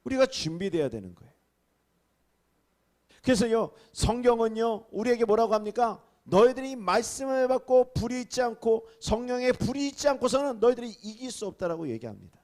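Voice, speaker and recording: A man, a senior pastor, preaching a sermon, swinging from hushed asides to emphatic, raised exclamations. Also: very high-pitched, animated, fairly quick. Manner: acts out rebukes and quoted speech in a raised voice.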